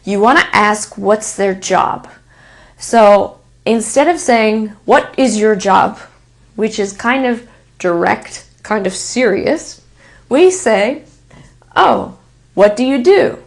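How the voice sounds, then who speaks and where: A woman from Texas with a Texan American accent, teaching English pronunciation in a patient, deliberate manner and repeating example sentences. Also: mid-range voice. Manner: repeats example sentences slowly, stressing key words. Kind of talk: slow, deliberate spoken English lesson.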